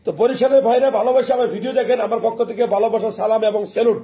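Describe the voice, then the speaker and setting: A man hosting a casual live call-in stream, friendly and laughing often, slowly repeating phone numbers to viewers. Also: very high voice, steady tone, dark tone.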